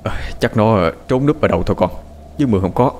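A man's voice: lowish voice, lively intonation, fast talker, darkish tone, a little hiss or hum, natural voice. A man voicing a kind, worried family friend who speaks steadily and with concern.

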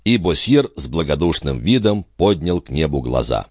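A man narrating an audiobook in an expressive storytelling manner. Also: extremely low pitch, normal speed, no room sound, studio quality. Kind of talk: scripted narration.

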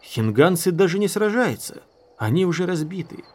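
A man's voice: sits high, very animated, normal speed, pitched above the performer's own voice. A male narrator voicing an earnest young man who keeps questioning a sorceress. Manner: inquisitive, earnest.

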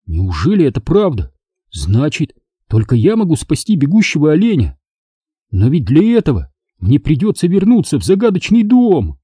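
A man reading a children's book aloud as scripted narration, in a lively way. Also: normal speed, husky, dry recording, studio quality. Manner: lively reading, raised pitch for the boy's shouted lines. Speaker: audiobook reader.

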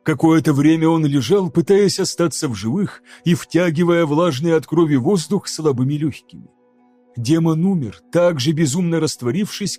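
Mellow-voiced male audiobook narrator. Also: a little high, no room sound. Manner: measured, dramatic reading. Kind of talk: scripted narration.

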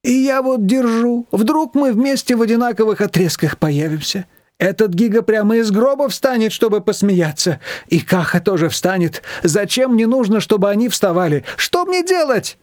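A man's voice: sits high, lively intonation, normal speed, darkish tone, no room sound, studio quality, voice pushed up. A man voicing a fretful, dramatic older woman, a mother-in-law who rambles and exclaims in an emotional way. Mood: anxious, fussy.

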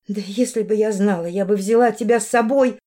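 A woman's voice: mid-range voice, fairly quick, mellow, close to an everyday voice. A woman voicing an emotional middle-aged mother who pleads and flares up in anger. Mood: pleading. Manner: pleading, agitated outbursts.

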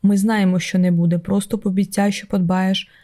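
A woman voicing a dying young male dragon rider, speaking low and short of breath. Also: flat delivery, a little fast, mellow, natural voice. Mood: pleading.

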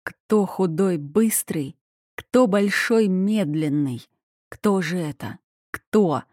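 A woman's voice: lowish voice, expressive, slow, a little mellow, no echo, clean studio sound. A woman voicing a young prince who sounds anxious, urgent and pleading.

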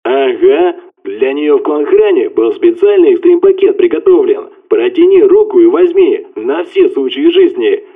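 A man voicing a brash, loud male buddy heard over a phone line, with blunt, rowdy, slang-filled talk. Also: medium pitch, animated, moderate pace, hardly any pauses, husky, pitched above the performer's own voice. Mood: boastful. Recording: tinny phone-line sound.

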